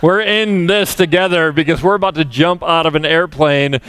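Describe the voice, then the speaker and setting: Guy pastor on a church stage, kinda high clean voice, cracking jokes at himself while he preaches. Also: normal speed, fairly bright tone, clean tone, dry recording. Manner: humorous, self-deprecating storyteller. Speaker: guest pastor. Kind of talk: conference sermon with storytelling. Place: church stage before a live audience.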